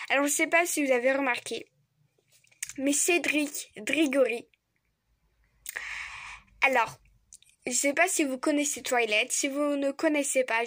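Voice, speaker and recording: Young woman, high voice, dry close sound, stammers, excitable fan chatter while unboxing. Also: no echo. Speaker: YouTuber opening trading card packs. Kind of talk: casual unboxing vlog chat.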